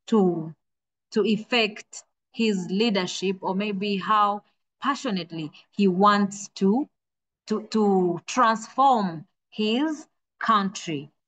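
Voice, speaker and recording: A woman teaching a literature revision lesson, earnest and steady, often repeating a word while she thinks and drawing key words out slowly. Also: medium pitch, a little hiss or hum. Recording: dull lo-fi recording.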